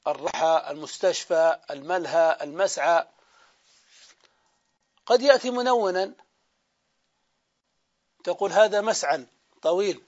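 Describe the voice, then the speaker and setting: A man with a high voice teaching a grammar lesson, working through each point by asking a question and answering it himself. He stretches out the example words as he repeats them. The recording is dull and lo-fi. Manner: explains step by step, asks and answers his own questions; drawn-out repetition of example words. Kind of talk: classroom grammar lecture.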